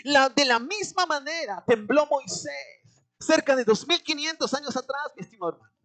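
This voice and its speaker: A preacher with a Peruvian accent gives a dramatic sermon, asking the congregation rhetorical questions and often calling out "my dear brother", with sudden swings between loud and hushed. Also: high-pitched, lively intonation, moderate pace. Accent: Peruvian Spanish.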